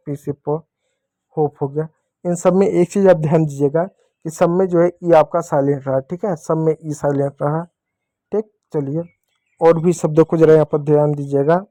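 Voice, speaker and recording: A man's voice: on the high side, a little mellow, no echo. A man teaching children to read words, spelling each one patiently letter by letter and calling out to the kids. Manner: repeatedly addresses the children. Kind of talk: children's reading lesson.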